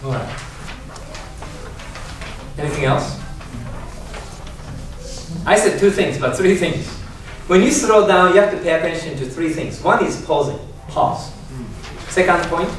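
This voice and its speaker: Man teaching a lively speech class. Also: fairly high pitch, measured pace, long pauses. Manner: encouraging, asks questions and laughs often. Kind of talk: classroom lesson. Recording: echoey room, distant mic, background noise.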